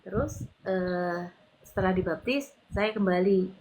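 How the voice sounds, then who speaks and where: A woman's voice: mid-range voice, unhurried, noisy background. A woman casually telling her testimony in a chatty way, full of fillers, recorded on a handheld phone. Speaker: convert giving testimony. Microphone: handheld phone, no tripod.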